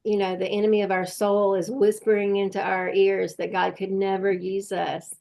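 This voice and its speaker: Host, woman: gravelly edge, thoughtful, searches for her words, faith talk. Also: mid-range voice, little pitch movement, moderate pace, a little mellow, slight background noise. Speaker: podcast host. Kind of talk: faith-based conversation.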